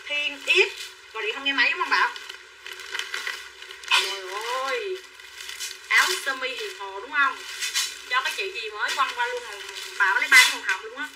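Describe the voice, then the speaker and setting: A woman's voice: fairly high pitch, lively intonation, normal speed, long pauses. A woman running a live sales stream, chattily calling out prices and buyer names and coaxing viewers to buy. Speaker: livestream clothing seller. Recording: distant mic with faint background noise.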